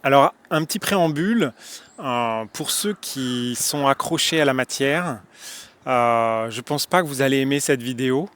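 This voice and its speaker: A man's voice: mid-range voice, measured pace, a bit bright, clean tone. A man with a French accent talks to camera in a loose spoken monologue, out of breath, full of hesitations and restarts. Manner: hesitant, many fillers and restarts. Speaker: spiritual video host.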